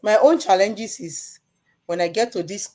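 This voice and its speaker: A woman's voice: medium pitch, unhurried, dark tone. A woman from Nigeria, speaking earnestly and emphatically about her faith on a live show.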